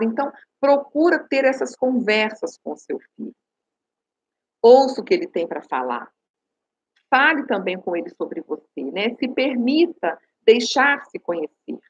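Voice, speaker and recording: Brazilian lady on a parenting live, kinda high breathy voice, keeps saying né, dull stream audio. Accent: Brazilian Portuguese. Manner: talks straight to viewers, tags lines with "né?" and "sabe?"; reads out viewer comments and answers them. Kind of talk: casual live-stream advice talk.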